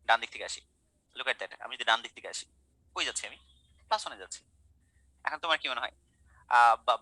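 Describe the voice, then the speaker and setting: Young male math tutor, online class. Bright, fast delivery, keeps checking in with students. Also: mid-range voice, dry recording, low-quality recording. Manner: colloquial, coaxing, quizzing students. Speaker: math teacher.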